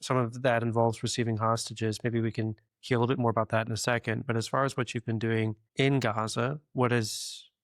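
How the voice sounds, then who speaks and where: Male interview host, medium pitch, measured conversational delivery, rewording as he goes, dry recording. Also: flat delivery, dry recording.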